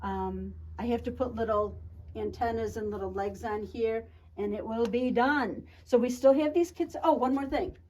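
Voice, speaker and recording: A woman giving a casual show-and-tell tutorial on her quilting projects, chatty, talking fast and a lot with frequent restarts. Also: on the high side, a little mellow, a little hiss or hum. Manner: chatty, talks fast and a lot, self-interrupting. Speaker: quilt shop co-owner showing projects.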